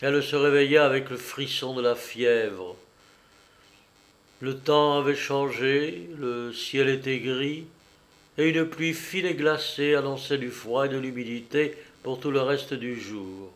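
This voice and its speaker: Brief: male narrator, mid-pitched, even and expressive, for a literary audiobook. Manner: measured, expressive storytelling. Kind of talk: scripted narration of a classic novel.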